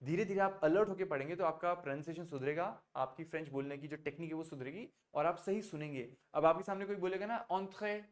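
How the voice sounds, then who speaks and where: A man teaching a French class, explaining sounds patiently and mixing Hindi with English. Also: on the high side. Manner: explains slowly, mixing Hindi and English, coaxes students to repeat. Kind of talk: online class teaching pronunciation.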